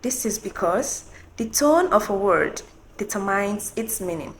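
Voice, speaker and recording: An expressive woman leads an online Mandarin lesson, explaining at a slow, deliberate pace, putting questions to the viewer, and singing tone examples at a raised pitch. There's a roomy echo with faint noise in the background.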